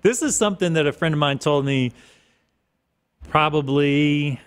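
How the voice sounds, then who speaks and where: A man in his mid-forties, a guest in a podcast interview, talking casually in a rambling way with restarts, on a desk boom mic in an office studio. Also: unhurried, clear, resonant tone. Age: 40s. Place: office studio with large windows.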